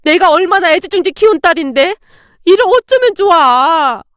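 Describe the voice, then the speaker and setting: A petulant older mother-in-law whines and complains in a high voice, as a woman narrator puts her on. The recording is dry and close. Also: expressive, normal speed, a bit bright, no room sound. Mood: whiny. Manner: whiny, complaining.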